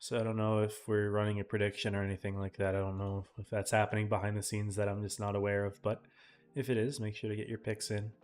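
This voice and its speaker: A man casting a live esports match in a casual, chatty way, his voice tiring and often clearing his throat. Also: on the low side, completely flat delivery, fast talker, a little mellow. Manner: casual, chatty, talks to chat viewers. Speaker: esports caster.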